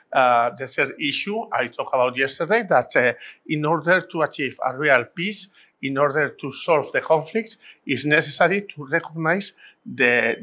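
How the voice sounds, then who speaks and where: A middle-aged man from the Basque Country with a Basque accent, explaining in measured second-language English as an interviewee. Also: medium pitch, sharp tone. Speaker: interviewee, language rights advocate.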